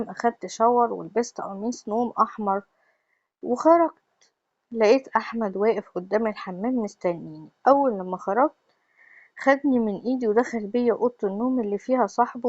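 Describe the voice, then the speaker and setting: A woman's voice: a little high, darkish tone, no room sound, highs cut off. Egyptian woman narrating a confession. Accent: Egyptian Arabic. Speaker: storyteller. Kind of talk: first-person confessional story narration.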